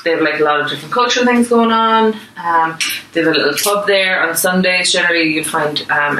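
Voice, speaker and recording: An Irish woman in her thirties gives a relaxed, chatty cooking demo at her dining table. Her voice is low but bright, and the camera picks it up from across an echoey room. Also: distant mic, slight background noise. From Ireland. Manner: chatty, informal, talks to her toddler between explanations. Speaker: chef. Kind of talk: pre-recorded home cooking demo. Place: home dining room, indoors.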